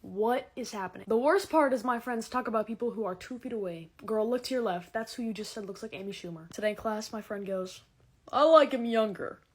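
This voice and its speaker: Young American woman, high-pitched comedic ranter. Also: a little fast, husky. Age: teens to young adult. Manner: animated, exaggerated, acts out quotes. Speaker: social media creator telling personal rants. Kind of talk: casual comedic rant.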